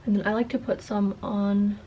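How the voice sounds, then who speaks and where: A young woman chats casually to camera with a slight lisp, her s turning slushy. Her pitch sits in an ordinary middle range, and some noise hangs behind the voice. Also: level tone, moderate pace, dark tone, muffled recording. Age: 20s. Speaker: content creator. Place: carpeted attic-style room indoors.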